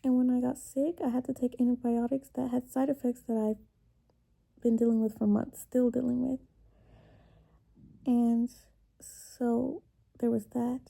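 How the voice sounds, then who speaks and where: A woman in her twenties venting confessionally to camera, halting and tearful, with long pauses and words trailing off. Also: a little high, little pitch movement, creaky, warm tone. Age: 20s. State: emotionally upset, tearful. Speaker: vlogger. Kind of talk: confessional personal vent to camera.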